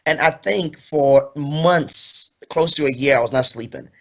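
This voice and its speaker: A man's voice: fairly high pitch, measured pace, vocal fry. Earnest young man from Ghana. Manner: earnest, rambling with many fillers. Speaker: author guest. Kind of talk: casual interview.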